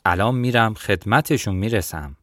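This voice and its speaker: A man's voice: fairly low pitch, fairly bright tone, no room sound, studio quality, natural voice. A man voicing a cruel male landlord who speaks in harsh, menacing threats.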